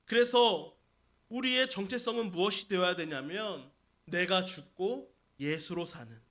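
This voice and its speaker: A man with a high, bright voice and a forceful tone preaches the Sunday sermon as senior pastor, taking his time. He speaks emphatically, addresses the congregation directly and keeps repeating key phrases in the church sanctuary during the service.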